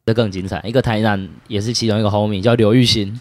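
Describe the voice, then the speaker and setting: A man, a podcast guest telling stories in a brash, animated way and swearing often. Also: lowish voice, fast, dry recording. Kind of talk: casual storytelling.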